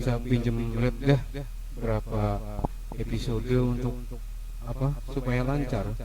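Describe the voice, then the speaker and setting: A man with an Indonesian accent hosts a school history podcast, giving a casual, explanatory introduction peppered with rhetorical questions. His voice is medium-pitched, and the recording is rough.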